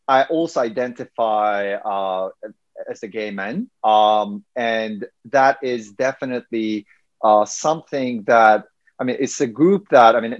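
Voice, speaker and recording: A man's voice: medium pitch, no echo, muffled recording. A man, a guest speaking thoughtfully and hesitantly with many fillers in a casual interview. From Turkey. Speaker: guest, engineering professor.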